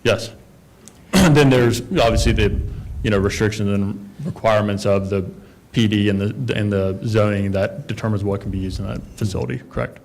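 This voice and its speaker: A man's voice: lowish voice, moderate pace, gravelly, darkish tone. A man presenting as a developer at a town council meeting, talking casually with many fillers and restarts.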